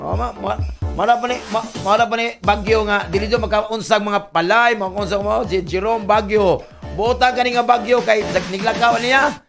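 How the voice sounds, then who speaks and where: A Filipino man hosting a radio show, joking and laughing as he reads listener shout-outs. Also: high voice, fairly even intonation, normal speed, vocal fry, soft background music. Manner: jokey, laughing, mixes languages. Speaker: radio host. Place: radio studio.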